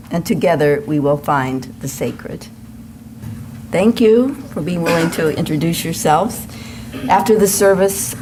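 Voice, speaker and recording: In a noisy live recording from a church service, a woman acting as worship associate gives the welcome and announcements. She sounds low-pitched and a little mellow, keeping a measured, formal tone.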